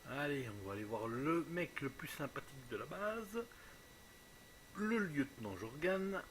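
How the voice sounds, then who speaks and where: A man's voice: a little high, big pitch swings, a little slow, a bit bright. A man giving casual, jokey let's play commentary, musing aloud as he plays. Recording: clearly noisy home recording.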